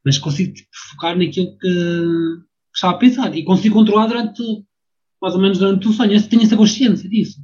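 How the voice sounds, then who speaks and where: A man's voice: high-pitched, quick pace, darkish tone. A young man with a European Portuguese accent, explaining things hesitantly in a casual chat. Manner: hesitant, restarts often. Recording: dull lo-fi sound.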